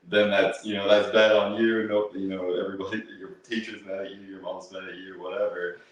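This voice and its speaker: Young man, podcast guest, laid-back, lowish voice, far from mic. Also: very echoey. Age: young adult. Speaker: podcast guest, door knocker. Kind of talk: casual interview chat.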